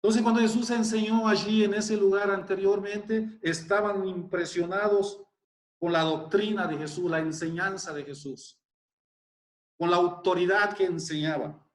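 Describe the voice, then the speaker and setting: A man preaching a sermon, explaining scripture in a deliberate, emphatic way and exclaiming in wonder. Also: high-pitched, steady tone, echoey room.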